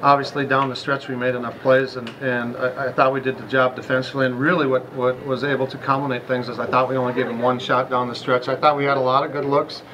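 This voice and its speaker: Middle-aged man, basketball coach, quick delivery, monotone, stumbles and repeats words, noisy hallway. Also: medium pitch. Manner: halting, repeats words while thinking. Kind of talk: post-game interview. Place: school hallway.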